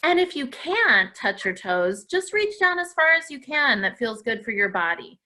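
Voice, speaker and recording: This woman speaks in a high, sing-song voice with a sharp edge, at a moderate pace. As a dance class host, she guides children through stretches live for home viewers, cheering them on and praising them frequently.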